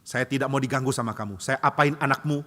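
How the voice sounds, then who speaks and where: A man voicing an old, small, wise teacher who speaks in a flat, firm, matter-of-fact way, in a reverberant church hall. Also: mid-range voice, quick pace, close to an everyday voice.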